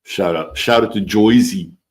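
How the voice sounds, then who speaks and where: On the low side and unhurried, this man's voice carries a California and East Coast accent mix. He hosts a casual livestream, reading viewer comments and chatting in a loose, rambling way that trails off, restarts, and includes casual swearing.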